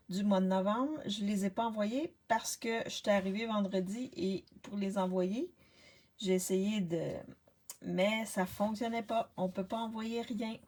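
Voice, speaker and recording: A retired woman hosts a live card-making chat from her home workspace. She speaks slowly into a laptop webcam at a middling pitch. Her talk is loose and friendly, full of fillers, restarts and greetings to viewers. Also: a little mellow. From Canada. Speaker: card-making demonstrator hosting a live stream. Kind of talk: casual live-stream chat. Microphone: laptop webcam on a desk.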